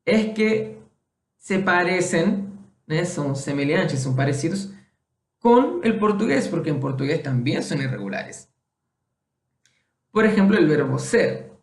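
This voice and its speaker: A man's voice: fairly high pitch, animated, measured pace, long pauses, reverberant. A man teaching a casual Spanish lesson, patiently repeating and checking in with the listener. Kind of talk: casual online Spanish lesson for Portuguese speakers.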